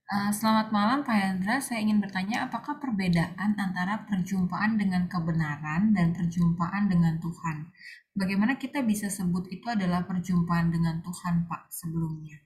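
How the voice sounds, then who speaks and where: A woman's voice: fairly low pitch, moderate pace. Woman asking a polite formal question. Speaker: audience member asking a question.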